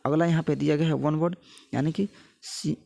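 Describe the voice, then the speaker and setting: Man, exam-prep vocab teacher; dark, gravelly delivery that slows on English definitions. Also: fairly high pitch, steady tone. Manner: explains each Hindi meaning, then reads English definitions slowly.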